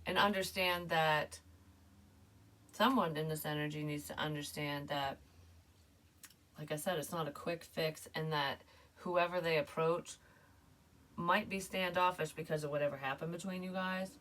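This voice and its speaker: Low-voiced chatty woman reading tarot. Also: fairly even intonation, normal speed, long pauses, a bit bright, recorded from a distance. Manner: chatty, rambling, full of "like" and "you know". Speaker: tarot reader. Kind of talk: casual tarot reading monologue.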